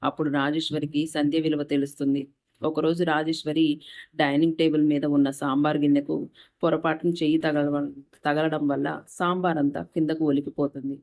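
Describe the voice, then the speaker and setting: A woman narrating a moral story in a steady, even reading voice. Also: deep voice, brisk.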